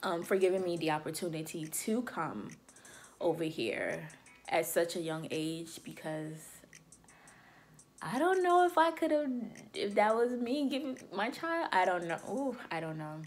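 A woman's voice: lowish voice, big pitch swings, a little slow, faint music behind. A woman from Liberia talking casually to camera as a beauty vlogger, chatty and loose with frequent "um" and "you know".

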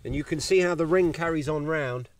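A chatty homesteading channel host in his thirties, voice sitting a little high, talks eagerly and fairly quickly while walking through a grassy paddock outdoors. It's a walking vlog with mushroom foraging tips, filmed on a phone at arm's length with no room echo.

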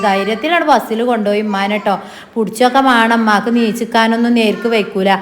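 A middle-aged woman, chatting homely and talkatively in a casual family vlog. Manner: homely and talkative, drops into a soft low voice on sad family news. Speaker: family vlogger and mother.

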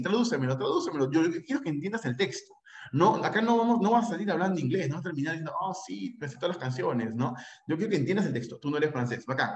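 A man's voice: on the high side, roomy sound, dull audio. A man with a Peruvian Spanish accent teaching an English class to pre-university students, chatty and constantly checking in with his listeners. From Peru. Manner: chatty, checks in often with tag questions.

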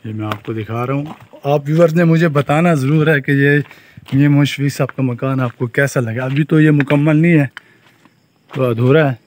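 A man's voice: medium pitch, moderate pace, a little mellow, a little hiss or hum. Eager young man filming a farm tour. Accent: Saraiki-region Urdu. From Pakistan. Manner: enthusiastic, repeats phrases like "look at this". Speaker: vlogger. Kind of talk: casual vlog tour. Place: outdoors at a farm and building site. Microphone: phone camera, selfie at arm's length.

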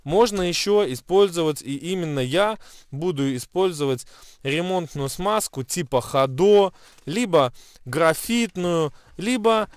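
A car repair vlogger in his thirties explains a repair step by step in a how-to vlog, filmed inside a parked car at night with the camera held at arm's length. His voice is a little high, animated, a little slow, and clear with a resonant tone, studio-quality sound, and no echo. It is soft, and he cannot roll his r, producing a non-rolled r, a burr.

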